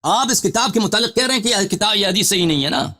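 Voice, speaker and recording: Host, male, high-pitched, insistent and interrupting in a heated debate. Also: animated, pushed and bright. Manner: insistent, interrupts, repeats questions.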